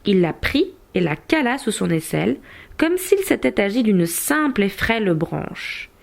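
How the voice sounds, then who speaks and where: A woman narrating an audiobook of a medieval tale, in a measured, expressive storytelling manner. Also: mid-range voice, gravelly.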